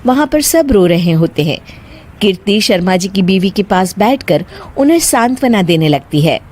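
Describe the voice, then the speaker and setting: A woman narrating a cartoon story in a calm, scripted storytelling manner. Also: medium pitch, moderate pace.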